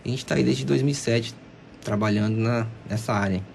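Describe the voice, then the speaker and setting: A man's voice: medium pitch, brisk, gravelly, slight background noise. A Brazilian man in his twenties, a lawyer guest on a radio interview, who speaks hesitantly and repeats words. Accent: Brazilian Portuguese, São Paulo coast. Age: 20s. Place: radio studio.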